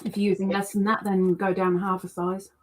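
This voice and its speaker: A woman's voice: mid-range voice, level tone, a little fast. A woman co-hosting a crochet lesson over an echoey remote line, chatty and encouraging. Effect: echoey sound on her audio. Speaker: co-host. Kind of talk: casual crochet tutorial chat.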